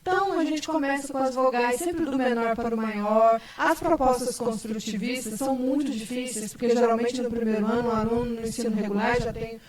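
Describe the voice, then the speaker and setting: A woman's voice: fairly high pitch, brisk, hardly any pauses. A woman special education teacher telling a story on a panel talk, with many fillers. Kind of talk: panel talk show answer. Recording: echoey room, far from mic.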